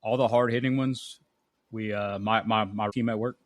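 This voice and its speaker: A man with a somewhat low voice, joking dryly on a casual podcast. The recording is dry and close. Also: steady tone, normal speed, dry recording. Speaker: podcast co-host. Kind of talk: casual chat.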